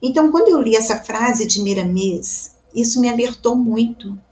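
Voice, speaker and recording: A woman with a Brazilian accent giving a devotional Spiritist reflection, calm and reflective, often asking her listeners questions. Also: fairly high pitch, moderate pace. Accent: Brazilian Portuguese. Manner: calm, reflective, asks the audience rhetorical questions; addresses listeners warmly as "gente". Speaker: Spiritist lecturer.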